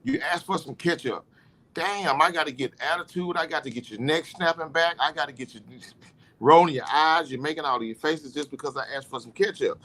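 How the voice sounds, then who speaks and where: A man's voice: on the high side, a little fast, fairly bright tone. Rambling man, casual podcast talk. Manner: rambling, with many "you know" fillers. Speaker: podcast host. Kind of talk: casual chat.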